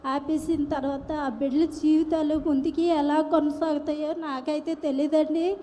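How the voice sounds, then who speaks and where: A woman's voice, high, flat and mellow, speaks hesitantly and plainly. A long reverb follows her words, with faint ambience behind. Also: moderate pace. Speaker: widowed mother at a public meeting.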